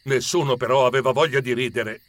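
A man narrating a children's story with expressive storytelling. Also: mid-range voice, fairly quick, no room sound.

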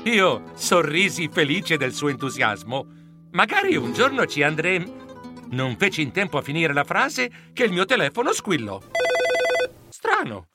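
Animated male storybook narrator, flustered mouse. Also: on the high side, measured pace, over music. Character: fussy, flustered male mouse newspaper editor. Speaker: audiobook narrator. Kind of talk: expressive first-person storybook narration.

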